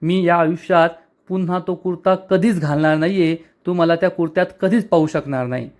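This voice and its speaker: A man's voice: on the high side, fairly even intonation, brisk, a little mellow, close to an everyday voice. A man voicing a snappy, irritated young woman. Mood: firm. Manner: snappy, exasperated. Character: irritated young woman, proud and quick-tempered. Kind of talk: serial recap with retold dialogue.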